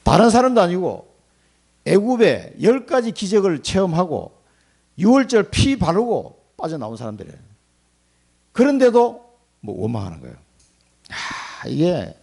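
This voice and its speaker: A man preaching a Sunday sermon in a church, talking in an everyday way rather than reading. His voice sits a little high and leaps around widely in pitch, and he acts out quoted voices and chuckles between points. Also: moderate pace, vocal fry. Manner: animated, colloquial preaching with acted-out quotes and chuckles. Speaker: pastor. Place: church sanctuary.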